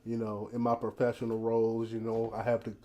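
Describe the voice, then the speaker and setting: An American man hosts a laid-back, casual news commentary livestream, and a teeth grill slightly impedes his speech. His mid-range voice is mellow and brisk with a completely flat delivery, and the audio sounds dull. Ambient noise and a storm outside fill the background.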